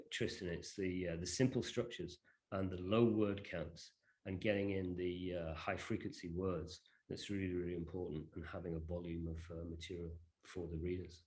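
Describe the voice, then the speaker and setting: Giving an informal online presentation for an education product, a man explains things hesitantly and conversationally while taking questions. He has a low, darkish voice.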